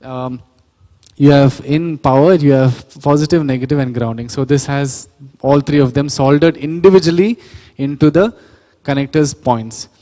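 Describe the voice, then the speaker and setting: In a church hall or auditorium, a man with a dark, mid-range voice gives a workshop lecture on sound engineering at a normal speed, with a long reverb tail. He explains step by step, corrects himself, and quizzes the audience.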